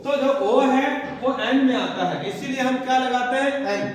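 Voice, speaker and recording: A man's voice: very high voice, normal speed, a crowd in the background. A male teacher giving a classroom grammar lesson, often asking and then answering his own questions. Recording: echoey hall, voice far from mic.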